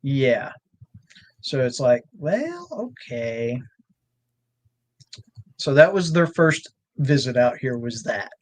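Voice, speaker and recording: A man with a drawl spins a long, meandering story about his land. He talks in a loose, folksy way, full of "you know" and "uh", at an ordinary, middle pitch. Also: measured pace. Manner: rambling, folksy storytelling with fillers. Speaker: ranch owner and guest. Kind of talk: casual storytelling chat.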